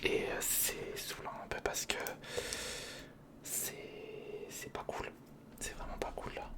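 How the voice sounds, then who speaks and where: During a hands-on build, an ASMR creator mutters casually and thinks aloud, all in a breathy whisper with no voicing.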